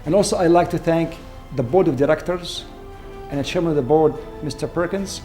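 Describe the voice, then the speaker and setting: A man, a surgeon speaking in an earnest, measured way in an interview. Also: fairly high pitch. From Syria. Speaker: award-winning trauma surgeon. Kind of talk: reflective interview. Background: soft background music.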